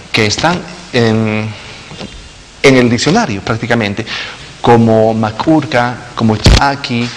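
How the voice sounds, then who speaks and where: Man, TV interview guest, teacherly and playful, mid pitch, long reverb. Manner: didactic, playful with wordplay, chuckles often. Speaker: linguist guest. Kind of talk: TV studio interview. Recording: long hall reverb, faint noise.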